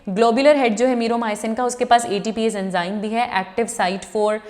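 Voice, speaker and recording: A woman teacher runs through exam questions one by one, her voice sitting somewhat high. She explains each step patiently, repeats answers for emphasis and speaks to students as her children. The recording trails off into a long hall reverb. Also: fairly even intonation, normal speed, a little mellow. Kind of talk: exam-prep lecture.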